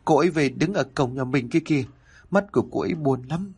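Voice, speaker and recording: A grief-stricken young man voiced by a male narrator pleads tearfully in a horror audio story. His voice sits higher than the narrator's and has a husky edge. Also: fairly quick, a little mellow. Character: grieving young man in a wheelchair, desperate.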